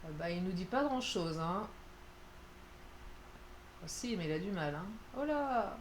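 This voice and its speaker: A woman's voice: fairly low pitch, expressive, measured pace, slight background noise. A woman doing a casual, playful card reading, chatty and self-mocking with lots of fillers. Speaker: tarot card reader.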